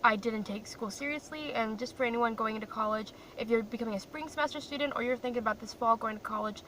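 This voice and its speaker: This young vlogger, who grew up in Croatia, speaks at a quick pace in a fairly high, slightly bright voice. She is rambling chattily to her phone camera from a parked car and often pokes fun at herself. The mic is distant, and faint car noise can be heard.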